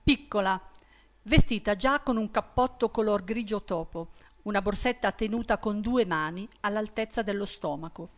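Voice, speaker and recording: A woman reads a passage of a novel aloud with clear, attentive narration. Her voice sits at a middle pitch. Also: normal speed. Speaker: reader. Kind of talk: literary reading aloud.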